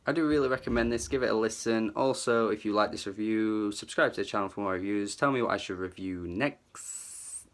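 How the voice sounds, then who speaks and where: A man's voice: on the low side, a little fast, fairly bright tone. Chatty man reviewing an album. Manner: chatty, filler-heavy, hedging with "like" and "kind of"; enthusiastic. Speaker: music reviewer.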